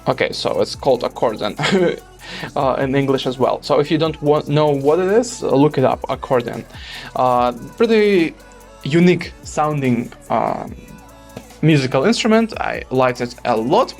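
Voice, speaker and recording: A man's voice: mid-range voice, animated, a little slow, soft background music. A man giving casual commentary over gameplay, telling a long story in a rambling, hesitant way with many fillers. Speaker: gaming YouTuber.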